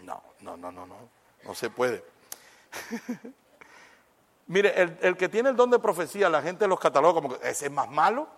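A man preaching a sermon, lively and conversational, acting out little exchanges and dropping in English phrases. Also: a little high, moderate pace, pauses often. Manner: animated, acts out little dialogues, mixes in English phrases.

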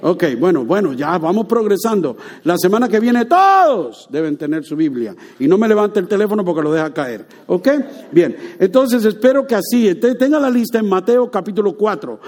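A man preaching a lively sermon, joking with and quizzing his congregation. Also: high-pitched, moderate pace. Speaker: pastor.

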